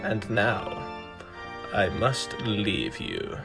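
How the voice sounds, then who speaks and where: A man playing Count Dracula, slow, theatrical vampire. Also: on the low side, very animated, gravelly, music in the background, heavily acted. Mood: silky, sinister. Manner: formal, slow, deliberate, theatrical. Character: Count Dracula, courtly, sinister ancient male vampire. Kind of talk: radio drama acting.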